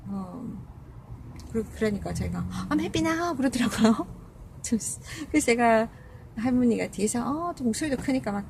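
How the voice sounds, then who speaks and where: Gravelly woman telling a story haltingly. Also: fairly high pitch, noisy background. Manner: hesitant, many fillers and restarts, acts out quoted speech. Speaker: caregiver telling a personal story. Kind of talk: casual personal storytelling.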